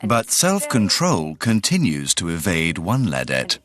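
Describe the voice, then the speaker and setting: A man's voice: low voice, wildly swooping pitch, a little slow, fairly bright tone. A man reading scripted documentary narration as a voice-over, with a wry, punning storytelling manner. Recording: voice-over with prominent music behind. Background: music.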